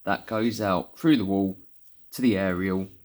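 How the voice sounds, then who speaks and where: Here a CB radio hobbyist vlogger speaks off the cuff in a chatty, slangy British way with a southern English accent. His voice is low-pitched and darkish, his pace measured, with slight background noise behind him.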